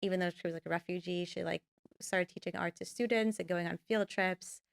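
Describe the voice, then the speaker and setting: A young American woman, a filmmaker appearing as a guest, talks casually in a podcast interview in the studio, rambling with lots of fillers. Her fairly low voice is steady and brisk with vocal fry, and there's no room sound.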